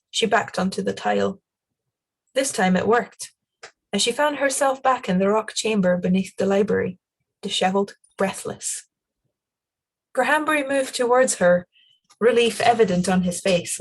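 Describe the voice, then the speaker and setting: A woman reading a novel aloud in a calm, measured way. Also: mid-range voice, vocal fry. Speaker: storyteller.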